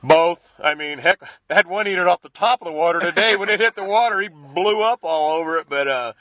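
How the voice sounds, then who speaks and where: A man's voice: on the high side, fairly quick, pushed and bright, dry recording, highs cut off. A man speaking as an interview guest in casual, folksy, slangy language, explaining things informally. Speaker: professional angler, interview guest.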